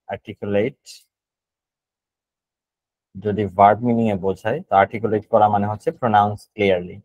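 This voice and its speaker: In a mid-range, slightly mellow voice, a Bangladeshi teacher runs an online GRE vocabulary lesson, casually thinking aloud as he explains words in Bengali sprinkled with English. The recording is low quality with no room sound.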